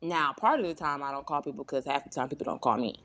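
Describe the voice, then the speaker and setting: A woman's voice: deep voice, expressive, quick pace, a bit bright. A woman co-hosting a podcast, blunt and joking in casual chat. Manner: blunt, joking, swings into exaggerated voices. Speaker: podcast co-host.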